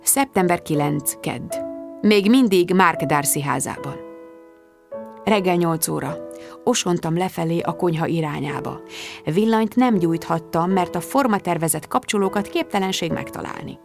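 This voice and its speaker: A woman narrating a comic audiobook in an animated storytelling manner. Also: on the low side, gravelly, over music.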